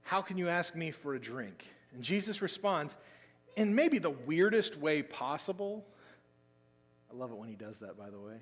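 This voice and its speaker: A man preaching a sermon as pastor, telling the story with lively emphasis that drops into quiet asides. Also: a little high, moderate pace. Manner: animated storytelling, swinging between loud emphasis and quiet asides. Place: church sanctuary. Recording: long hall reverb.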